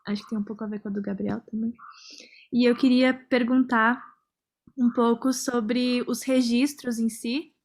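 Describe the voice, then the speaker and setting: Flat-voiced woman asking a panel question. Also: on the high side. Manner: measured, reads a question aloud.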